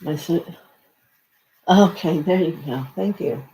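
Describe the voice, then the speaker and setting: Slow, gentle meditation host, sex unclear. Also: medium pitch, poor audio. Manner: gentle, unhurried, halting delivery with pauses. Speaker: spiritual session host leading singing bowl meditation. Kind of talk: unscripted live-streamed guided relaxation talk.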